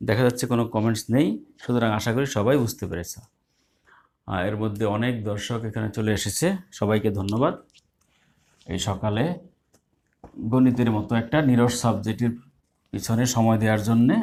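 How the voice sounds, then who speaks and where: A man's voice: mid-range voice, darkish tone. A man teaching a math lesson live online, explaining step by step in a patient way with small hesitations.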